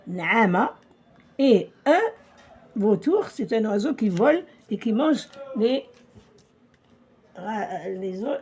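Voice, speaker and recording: A woman teaching a child to read, patient, slow and repeating words. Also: fairly high pitch, a little mellow, a little hiss or hum. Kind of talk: patient reading lesson for a child.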